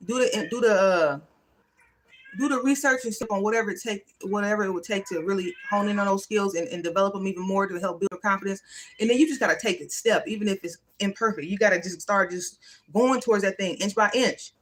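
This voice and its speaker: A woman's voice: mid-range voice, quick pace, slight background noise. A woman hosting a livestream, giving a casual, emphatic motivational talk in a folksy, everyday way. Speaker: livestream host.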